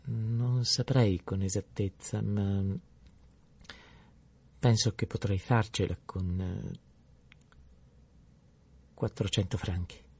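A man voicing an anxious young wife who longs for finery, speaking softly and hesitantly. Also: on the low side, moderate pace, vocal fry, husky, recorded from a distance. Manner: hesitant, soft-spoken.

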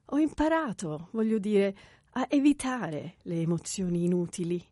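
A man voicing a calm young English governess in an audiobook, measured and slightly ironic. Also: high voice, dry recording, clean studio sound, pitched above the performer's own voice. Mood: cool.

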